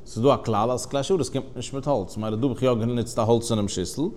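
Guy teaching talmud, singsong chanting, mid pitch, lots of restarts. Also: brisk, darkish tone. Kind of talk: Yiddish-style Talmud lesson.

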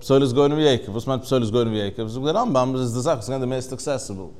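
A man giving a Talmud lesson in a mid-pitched voice, rising and falling in a chanting study singsong. He talks in an animated way, breaking off and restarting as he explains. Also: very fast. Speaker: Talmud teacher. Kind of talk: Yiddish-style Talmud lesson.

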